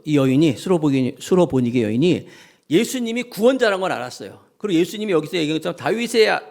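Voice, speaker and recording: A man preaching a sermon as senior pastor, animated and acting out scripture scenes, leading the congregation in call-and-response. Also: fairly high pitch.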